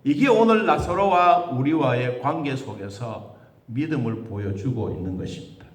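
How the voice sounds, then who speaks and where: A man preaching a sermon as pastor, asking rhetorical questions and acting out the voices he quotes. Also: moderate pace. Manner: animated, with sudden high jumps in pitch and rhetorical questions. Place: church sanctuary. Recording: echoey church hall.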